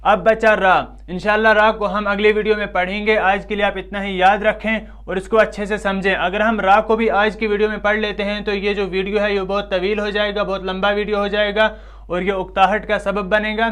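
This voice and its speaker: High, smooth-voiced male tajweed teacher. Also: flat delivery, a bit bright. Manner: slow, drawn-out chanted recitation of examples; patient teacher who asks questions and answers them himself. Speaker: Quran recitation teacher. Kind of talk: tajweed lesson, explaining rules.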